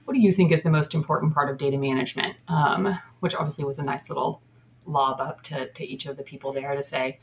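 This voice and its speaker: A woman's voice: low voice, fairly even intonation, fast, a little hiss or hum. A woman joining a podcast as a guest over a remote call on children's headphones, talking casually with lots of fillers. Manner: chatty, uses fillers like 'like' and 'you know'. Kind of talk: casual interview chat.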